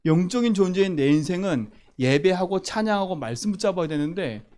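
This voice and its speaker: High, lively-voiced male preacher. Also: a little fast. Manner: emphatic, repeats key phrases, asks the congregation questions. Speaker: pastor. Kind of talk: sermon. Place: church.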